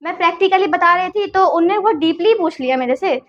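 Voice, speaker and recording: Young female guest, very high-pitched, earnest halting delivery, dull lo-fi recording. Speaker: guest, junior civil engineer. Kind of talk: casual interview talk.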